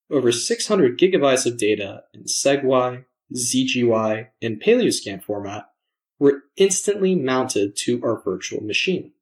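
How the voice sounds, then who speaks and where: In a mid-range voice, a man delivers scripted narration for a software demo, clearly enunciating and explaining things at a measured pace.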